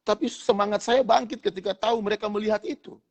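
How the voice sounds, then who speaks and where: A man's voice: sits high, steady tone, fast. A man with a Manado accent, a pastor telling his testimony in an interview and often addressing listeners as brothers.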